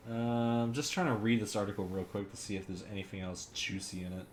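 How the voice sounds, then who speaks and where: A man's voice: fairly low pitch, fairly even intonation, normal speed, slight background noise. Rambling, profane male podcaster. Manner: rambling, profane, reads articles aloud. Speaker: podcast co-host. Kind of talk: casual podcast chat.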